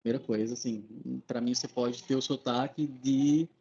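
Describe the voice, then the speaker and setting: Husky-voiced man with an Alagoas accent. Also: medium pitch, fairly even intonation, mellow, lo-fi sound. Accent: Alagoas Brazilian Portuguese, with a drawn-out R. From Alagoas, Brazil. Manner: measured, explaining his views step by step. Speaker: guest. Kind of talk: casual conversation.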